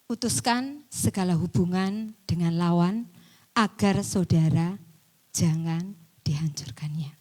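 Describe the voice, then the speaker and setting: A woman preaching a sermon, dropping to near-whispers and then rising to loud, emphatic bursts, laughing now and then. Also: on the low side, takes it slowly, long pauses. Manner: laughs between points, mixes in local slang.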